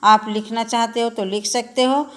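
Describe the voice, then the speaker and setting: A woman's voice: fairly high pitch, steady tone, moderate pace. A woman teacher giving a lesson to children, reciting word forms in a sing-song drill and speaking to them patiently. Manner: addresses children directly, patient and instructive.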